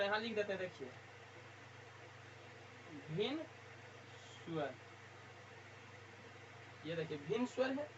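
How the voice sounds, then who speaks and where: A teacher works through a grammar lesson at a writing board, posing a question and answering it straight away, then repeating the key point. The voice sits at an ordinary middle pitch. The sound is dull and lo-fi, with a faint hiss underneath. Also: a bit bright.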